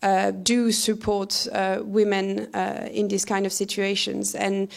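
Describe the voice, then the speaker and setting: A woman panelist gives a measured answer filled with "uh" and "um". Her pitch stays very flat, and a gravelly fry runs through her voice.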